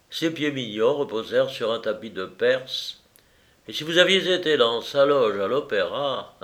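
A man narrating a novel aloud in a measured reading style. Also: mid-range voice, a bit bright. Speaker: audiobook narrator. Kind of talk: scripted narration.

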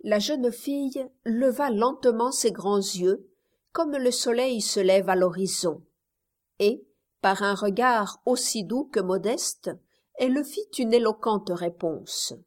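A woman reading a novel aloud as scripted storybook narration, in a measured way. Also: on the high side. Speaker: audiobook reader.

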